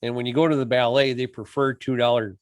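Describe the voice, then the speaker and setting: Sex: man. Origin: from Michigan. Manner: deadpan joker. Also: medium pitch, fast talker, clean tone, no room sound. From Michigan, USA. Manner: deadpan, tall-tale joking. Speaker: podcast co-host. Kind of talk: casual chat.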